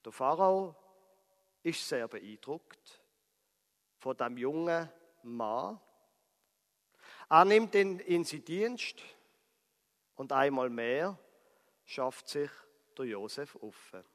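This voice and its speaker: High-voiced Swiss German preacher. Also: male voice, slow, long pauses. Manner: lively storytelling, dramatic emphasis. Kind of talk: sermon retelling a Bible story. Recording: reverberant hall.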